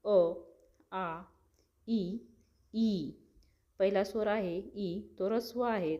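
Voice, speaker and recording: A woman teacher explaining an exam lesson to children, talking to them directly and pronouncing each letter slowly and clearly. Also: medium pitch. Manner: addresses pupils directly.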